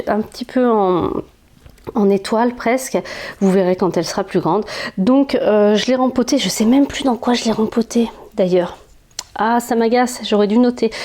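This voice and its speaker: A woman with a French accent chats enthusiastically in a casual plant vlog, filmed indoors at home among her houseplants, with frequent fillers. Her voice is a little high and mellow.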